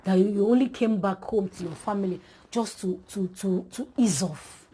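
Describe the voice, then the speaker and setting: A woman preaches an emphatic exhortation, speaking straight to her listeners and repeating her points for weight. Her voice is mellow and warm, with a husky edge. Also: medium pitch, moderate pace.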